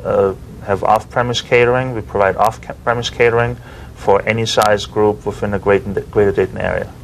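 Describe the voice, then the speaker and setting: A man with a low voice describes his restaurant business as a TV guest. He is businesslike and pauses often with fillers. A faint hiss runs under the recording. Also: steady tone, creaky, poor audio. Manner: businesslike, hesitant with many fillers. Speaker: restaurant general manager. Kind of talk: TV interview guest.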